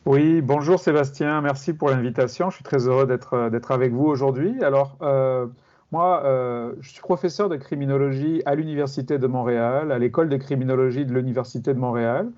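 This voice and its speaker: A middle-aged man from France, a criminology professor explaining his field in an interview, measured and hesitant with many fillers. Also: mid-range voice, a little mellow, highs cut off.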